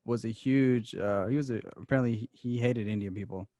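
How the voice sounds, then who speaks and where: A young man hosting a casual podcast, asking quick questions in a relaxed way. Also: medium pitch, no echo. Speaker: podcast host.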